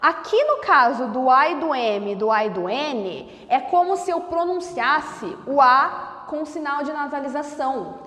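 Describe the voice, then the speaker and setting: High, lively woman teacher. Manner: slow, deliberate, spells out sounds and syllables. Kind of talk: classroom lesson explanation. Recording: echoey room with long reverb.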